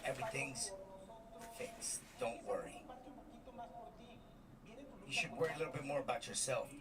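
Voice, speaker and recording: A man's voice: medium pitch, normal speed, lightly acted. A man playing a scheming, confrontational character in a pro wrestling backstage promo. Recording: distant TV playback, loud crowd noise.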